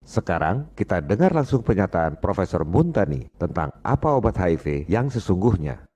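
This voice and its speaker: A man's voice: low voice, big pitch swings, normal speed, a little mellow, husky. A man narrating scripted voice-over commentary in an assertive way, asking rhetorical questions.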